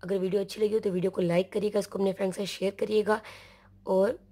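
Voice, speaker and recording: A woman whose voice is hoarse from a sore throat walks through a homemade skincare recipe. Her tone is mellow and low in brightness, and she talks calmly, step by step. At times her strained voice drops into a half-whisper. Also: quick pace. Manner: calm, step-by-step instruction, sometimes half-whispered. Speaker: skincare channel host. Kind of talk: home remedy tutorial.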